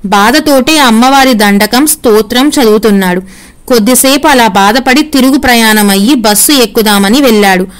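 A woman narrates a devotional folk tale as scripted storytelling. Her delivery is steady and read-aloud, in a slightly high voice. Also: moderate pace.

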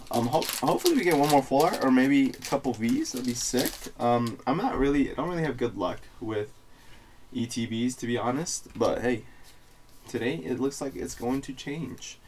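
A young man hosting a pack-opening video, chatting casually with slangy, excitable frat bro hype. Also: mid-range voice, a little hiss or hum. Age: young adult. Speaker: YouTube host opening trading card packs. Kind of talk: casual excited chat to camera. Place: small indoor room at home.

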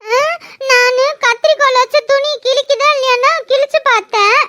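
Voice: very high voice, steady tone, normal speed, sharp tone, a little hiss or hum. An adult performer voicing a cheeky, insistent little boy in a cartoon. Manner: pert, insistent. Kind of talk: cartoon voice acting.

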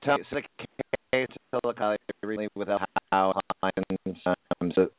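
A man's voice: fairly low pitch, slight background noise. A man asking questions over a glitchy video call that keeps cutting in and out, his phrases breaking off halfway. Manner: halting, broken-off phrases. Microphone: remote video call. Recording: tinny, breaking-up call line.

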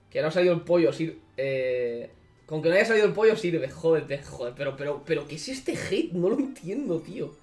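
A young man streaming a gacha game, swearing freely and pleading with the game, swinging from mutters to shouts. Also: a little high. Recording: echoey room with background music.

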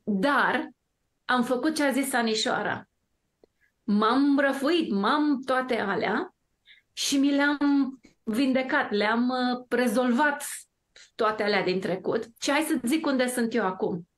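A woman from Romania, a guest on a talk show, telling her own story emphatically and with full self-assurance. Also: fairly high pitch. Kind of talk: casual talk-show discussion.

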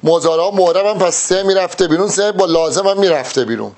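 A man teaching exam preparation, working through test answers in a lively, emphatic way and speaking straight to his students. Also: high-pitched. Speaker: exam-prep Arabic teacher. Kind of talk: test-solving lesson.

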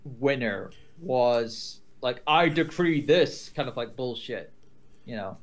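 A man co-hosting a podcast who rants with exasperation in casual chat. His voice sits at a middle pitch. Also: lively intonation, takes it slowly. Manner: exasperated ranting. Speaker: podcast co-host.

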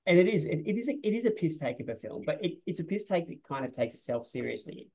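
A man's voice: a little high, very animated, fast talker, warm tone, poor audio. A man, a film director talking over a webcam in a loose, rambling way, full of restarts and "like.". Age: 40s. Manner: rambling, restarts often, says "like" a lot. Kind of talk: casual interview on a video call. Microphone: video call webcam.

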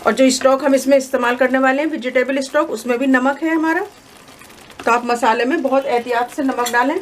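A woman explaining a recipe step by step in a calm, instructive voice-over as cooking show host. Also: high-pitched, a little fast, a little hiss or hum. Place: home kitchen.

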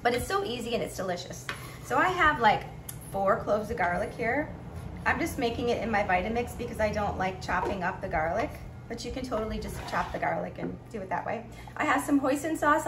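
A woman's voice: a little high, expressive, fairly quick. Chatty woman in an echoey kitchen. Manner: friendly, chatty, explaining as she cooks. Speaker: cooking channel host. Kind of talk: casual cooking vlog. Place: home kitchen, indoors. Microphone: camera mic, framed from a few feet away. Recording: echoey kitchen, faint room hum.

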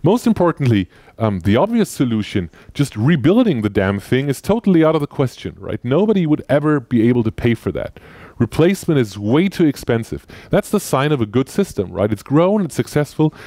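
In a projector-equipped lecture room, a man in his forties delivers a relaxed conference talk on a headset mic, moving around the stage with gestures and often adding "right?" to his sentences. His mid-range voice is sing-song, slightly fast, and mellow, with no room sound.

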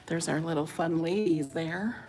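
On a handheld phone held by someone behind the camera, a woman hosts a casual house tour, chatting informally as she moves through the rooms of a small house and then out to the porch and driveway. Her voice is deep and warm, and she talks at a normal speed. The recording is noisy from being carried on the move.

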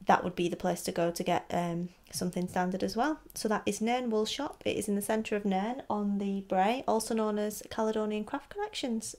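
A woman's voice: mid-range voice, a little mellow. Chatty woman hosting a casual podcast. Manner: chatty, informal. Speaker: podcast host.

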